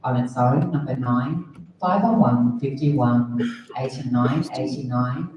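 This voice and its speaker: A very low, mellow female voice with an Australian accent echoes through a big hall. She is a bingo caller, delivering numbers and notices in a measured, repetitive pattern. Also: lo-fi sound. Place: large bingo hall over a PA. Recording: echoey hall PA, distant, faint rumbling noise.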